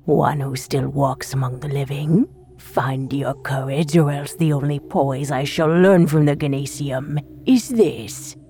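Man doing a dead noblewoman's ghost, eerie, half-whispered, slow, dark, faint hiss behind. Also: a little high, pitched above the performer's own voice. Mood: eerie pleading.

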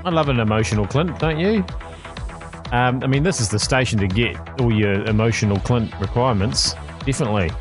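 A man's voice: mid-range voice, a little fast. A man hosting a casual news chat show, jokey and full of fillers. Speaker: podcast host. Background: music.

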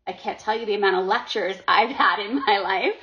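Her voice medium-pitched, pushed and bright, a middle-aged woman from Sri Lanka talks a little fast as a podcast guest. The conversation is casual, she's earnest and tends to repeat words, and the recording quality is dull lo-fi.

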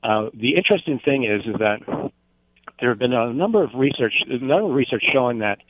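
A man, hoarse from a cold, explaining things at length as a therapist guest on a radio show. He comes through a tinny, narrow phone line that sounds close and dry. His pitch sits in an ordinary middle range. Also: expressive, brisk, no echo. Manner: explanatory, long winding sentences. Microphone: telephone.

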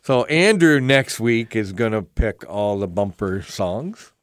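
A man's voice: fairly low pitch, animated, takes it slowly, dry recording. A man with a Canadian accent co-hosting a radio show, mixing casual chat with show promotion. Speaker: radio co-host.

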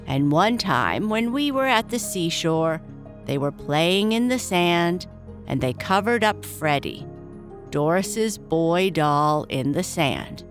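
Woman reading as a kindly father, slow and gentle. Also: fairly low pitch, lively intonation, soft background music. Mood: warm reminiscing. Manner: gentle, unhurried storytelling. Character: large, cheery, kindly father telling children a tale. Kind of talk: children's bedtime story reading.

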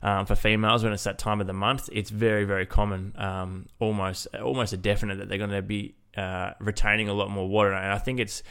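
Aussie bloke chatting on a fitness podcast, stuffy nasal voice, kinda low, pretty monotone, informal coach type. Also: male voice, a little fast, few pauses, smooth. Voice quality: nasal, congested-sounding. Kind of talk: casual solo podcast talk.

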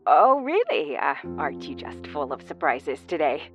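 A man voicing a gentle, doting elderly grandmother who fusses affectionately over her grandson, over music. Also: a little high, very animated, normal speed, highs cut off, voice pushed up. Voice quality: soft, gentle. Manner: affectionate, fussing. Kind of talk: storytelling voice acting.

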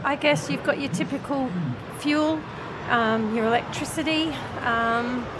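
A middle-aged Australian woman with a high voice, speaking into a handheld microphone amid clear background noise. She chats casually, flustered and rambling, in a down-to-earth way. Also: measured pace. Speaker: radio competition winner. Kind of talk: casual live on-air chat. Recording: clearly noisy background ambience.

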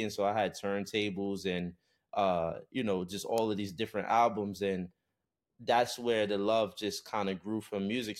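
A young man from Brooklyn, New York talks as a podcast guest with a very low voice. His casual chat is loose and relaxed and full of "uh" fillers. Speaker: podcast guest, recording artist.

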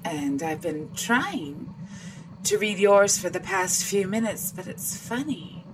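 A woman's voice: mid-range voice, lively intonation, takes it slowly, background noise. An actress playing a playful female android who reads minds and taunts her opponent with laughs. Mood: teasing. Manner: teasing, mocking, laughs between lines. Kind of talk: audio drama acting.

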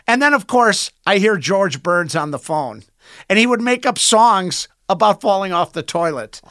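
High-voiced, bright man swapping anecdotes. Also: expressive, normal speed, dry recording, clean studio sound. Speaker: talk show guest telling anecdotes. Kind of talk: casual anecdotal chat.

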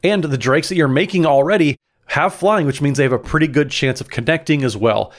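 A man's voice: a little high, a little fast. A man co-hosting a casual podcast, chatting enthusiastically and reading out game card text. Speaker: podcast co-host.

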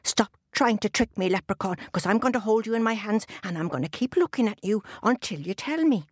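A woman's voice: mid-range voice, lively intonation, dry recording, studio quality, lightly acted. A woman voicing a determined, stubborn little girl who talks firmly and insistently. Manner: firm, insistent, slow and deliberate.

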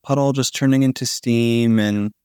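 A man narrating a guided sleep meditation in a slow, soothing manner with long pauses, like a sleep story narrator. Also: mid-range voice, steady tone, darkish tone, smooth, no room sound, clean studio sound. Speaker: podcast host guiding a sleep meditation.

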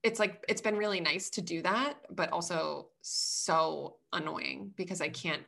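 A woman co-hosting a podcast in casual chat, telling stories in a chatty, animated way with frequent laughs. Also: lowish voice, a little slow, creaky. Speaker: podcast co-host. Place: away from home, recording remotely. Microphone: headphones over both ears.

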